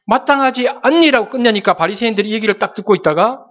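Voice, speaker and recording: A man's voice: high voice, quick pace, muffled recording. A male pastor preaching a sermon, speaking dramatically and addressing the congregation directly.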